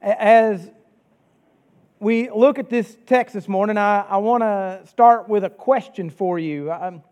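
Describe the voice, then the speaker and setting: Earnest and measured, a Southern US-accented man reads scripture, prays, and preaches a sermon in a high-sitting voice with a darkish tone.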